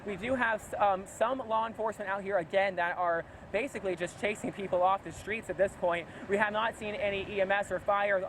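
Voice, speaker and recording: High-voiced man reporting over storm noise. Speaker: field reporter. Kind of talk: live storm reporting, unscripted. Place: outdoors by a flooded road in a hurricane. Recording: noisy outdoor storm broadcast, wind.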